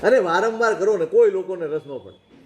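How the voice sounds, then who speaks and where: High-voiced man preaching in a roomy space. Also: fairly quick, darkish tone, a little hiss or hum. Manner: rhetorical questions and storytelling. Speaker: Jain monk preacher. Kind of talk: sermon. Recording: roomy echoing recording.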